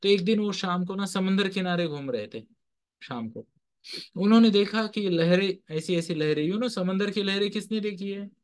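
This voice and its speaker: A man with a slightly high voice leads a motivational lesson, telling stories like a teacher and counsellor. He often stops to quiz his listeners and moves freely between Hindi and English phrases. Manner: quizzes listeners with repeated questions. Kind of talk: motivational storytelling lecture.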